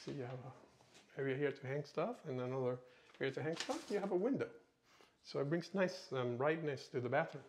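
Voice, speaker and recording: A man's voice: mid-range voice, lively intonation, brisk, slight background noise. A man working as a real estate agent, giving a casual walk-through home tour with informal sales patter, often tagging his phrases with "okay". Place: indoors, walking through an empty new house. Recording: echoey empty-house reverb.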